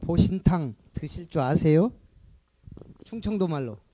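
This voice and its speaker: A man's voice: fairly high pitch, expressive, unhurried, mellow. A male pastor preaching a sermon, asking the congregation questions and playfully imitating a regional dialect. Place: church.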